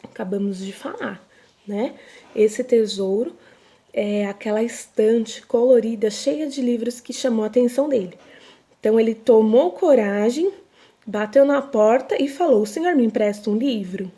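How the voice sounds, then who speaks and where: A young woman with a Brazilian Portuguese accent teaches young pupils at a slow, unhurried pace. Her voice sits fairly high but sounds soft and mellow, and she stretches and repeats words with patient care. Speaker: primary school teacher. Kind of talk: recorded remote reading lesson for children.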